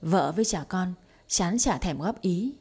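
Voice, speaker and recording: Soft doting young husband in an audio story, woman reading him, warm husky tone. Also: lowish voice, animated, measured pace. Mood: soothing.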